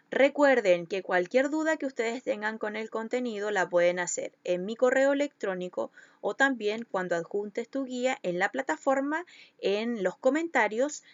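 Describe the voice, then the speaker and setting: A woman's voice: fairly high pitch, no echo, muffled recording. A woman schoolteacher, giving a recorded lesson to children and patiently stretching out syllables to show where the stress falls.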